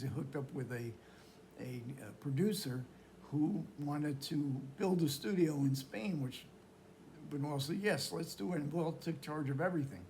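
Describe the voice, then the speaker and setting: Male film lecturer, mid-range voice, informal and halting storytelling, light noise behind him. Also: mid-range voice, mellow. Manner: halting, searching delivery with repeated phrases. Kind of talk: informal film talk recounting history and plot.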